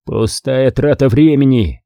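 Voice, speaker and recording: A man's voice: medium pitch, measured pace, creaky, dark tone, no echo. A man voicing a wounded male soldier who speaks with stoic, dry understatement in an audiobook. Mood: wry, stoic.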